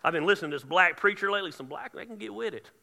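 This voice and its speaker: A man preaching a sermon in a church, joking and conversational, then building up to shouting. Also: high-pitched, lively intonation, racing, creaky, big-room sound, some chatter behind. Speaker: pastor. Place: church sanctuary.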